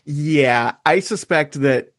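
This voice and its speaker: A man co-hosting a podcast in casual chat, wry and quick to laugh. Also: on the high side, a bit bright, dry recording. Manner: laughs often, wry and self-aware. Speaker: podcast co-host.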